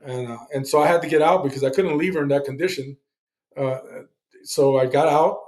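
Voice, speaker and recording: A man's voice: a little high, fairly quick, darkish tone. A middle-aged man, a Navy veteran guest, telling his service story in a blunt, casual way, with swearing and acted-out dialogue.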